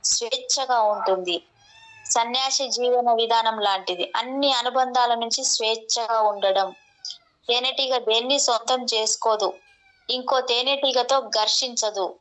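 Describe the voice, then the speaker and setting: A woman slowly reading a spiritual text aloud, with a few restarts. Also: a little high, a bit bright, rough recording. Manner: slow, measured reading with restarts.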